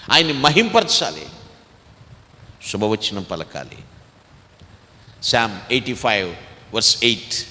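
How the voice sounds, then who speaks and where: Emphatic Telugu pastor preaching in a hall. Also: male voice. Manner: emphatic preaching, swinging between loud exhortation and low asides. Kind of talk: sermon.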